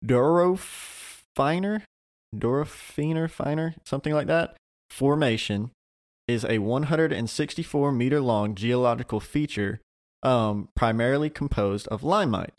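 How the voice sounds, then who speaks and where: Guy on a faith podcast reading an article out loud, mid-pitched voice, fumbles names and jokes it off. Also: normal speed. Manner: stumbles over hard names, jokey asides. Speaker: podcast co-host. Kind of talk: casual chat, reading out an article.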